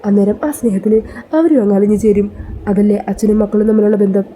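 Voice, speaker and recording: A woman voicing a caring sister-in-law who soothes and reassures in a slow, gentle manner. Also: medium pitch, fairly even intonation, slight background noise, close to an everyday voice. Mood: consoling.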